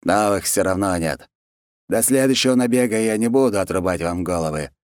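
A man's voice: fairly low pitch, fairly quick, darkish tone, no echo, studio quality, voice pushed up, lightly acted. Bloated capricious ruler, lazy and petulant, barks orders; male reader putting him on. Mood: peevish. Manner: lazy, peevish, bossy. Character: fat lazy cruel male khan, pompous and capricious.

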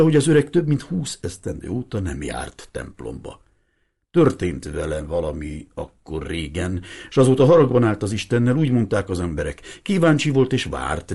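A man reading a novel aloud in a measured storytelling manner. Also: low-pitched, dark tone, breathy edge. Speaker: audiobook reader. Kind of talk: scripted novel narration.

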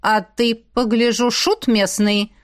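Woman voicing cool, measured man, low and stern. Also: steady tone, no room sound, studio quality. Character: stern calm man, quietly menacing.

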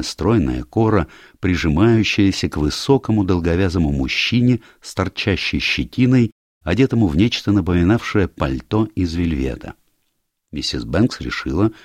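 Very deep-voiced male audiobook narrator. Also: a little mellow, no room sound, studio quality.

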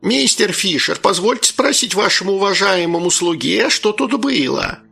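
A man's voice: sits high, expressive, moderate pace, gravelly, sharp tone, husky, faint music behind, voice pushed up, heavily acted. A man voicing a fawning red imp servant. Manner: fawning, overly polite. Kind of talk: audiobook character voice.

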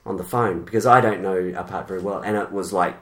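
A man's voice: low-pitched, steady tone, fast talker, fairly bright tone. Rambling New Zealand man chatting. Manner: rambling, self-interrupting. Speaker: podcast co-host. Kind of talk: casual chat.

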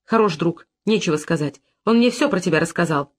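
A man voicing a furious young woman in a restaurant who shrieks and shouts. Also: animated, fairly quick. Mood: seething. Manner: shrill, shouting.

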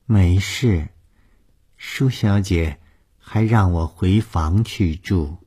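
A man's voice: low voice, extremely slow, warm tone, husky, voice pushed up, exaggerated voice. A man doing a shy young maid. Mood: timid. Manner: shy and hesitant. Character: timid eighteen-year-old maid, a girl.

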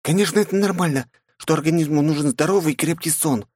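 A loyal, skittish young guardian girl in an audiobook, her voice raised high and hushed with urgency, as a man reading the book acts her out. The sound is close and dry. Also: quick pace, breathy edge, dry recording. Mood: urgent, devoted. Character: devoted, jumpy young female guardian. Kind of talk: audiobook character voice.

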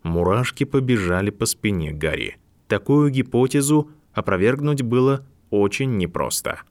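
Expressive male audiobook narrator. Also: lowish voice, moderate pace. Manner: expressive, dramatic reading. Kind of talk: scripted fantasy audiobook narration.

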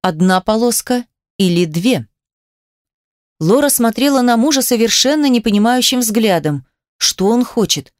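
A woman reading an audiobook, with measured and expressive scripted narration. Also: fairly high pitch, dry recording, studio quality.

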